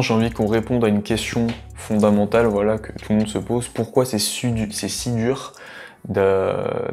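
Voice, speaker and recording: Late-teen man, low flat voice. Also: creaky. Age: late teens. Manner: loose, rambling with many fillers and restarts; addresses the listener familiarly as "tu". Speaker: language tutor. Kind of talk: casual explanation to camera.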